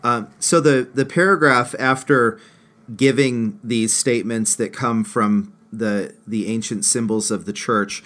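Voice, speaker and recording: A man hosting a theology discussion, asking the panelists questions in a halting way with fillers. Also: medium pitch, fairly even intonation, a bit bright. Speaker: host.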